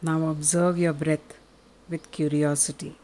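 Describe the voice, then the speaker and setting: A woman leading a guided meditation in a soft, calm, soothing way, leaving long pauses. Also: low voice.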